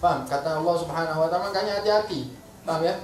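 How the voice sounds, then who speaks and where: A man's voice: a little high, rapid-fire. A man preaching a sermon, emphatic and repetitive, often checking that the listeners understand. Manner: emphatic, repeats key phrases, asks the crowd "paham ya?". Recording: roomy echo, distant mic, faint ambience.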